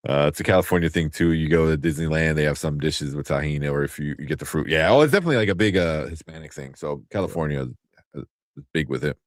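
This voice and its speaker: Casual male co-host, deep voice, close dry mic, laughs a lot. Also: quick pace, dry recording. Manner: laughs often, loose and rambling. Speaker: podcast host. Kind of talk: casual chat.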